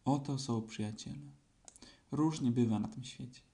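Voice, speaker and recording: A man's voice: mid-range voice, normal speed, warm tone, close to an everyday voice. A man reading as a gloomy, sulky old donkey. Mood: grumbling.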